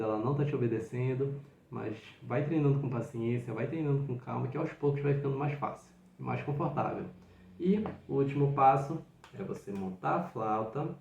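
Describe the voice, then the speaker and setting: A man teaches flute articulation, walking through each step with patient encouragement. His voice sits at a middle pitch. The room around him rings with noticeable echo. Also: creaky, a little mellow, lo-fi sound, a little hiss or hum. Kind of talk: instructional video. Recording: roomy echo.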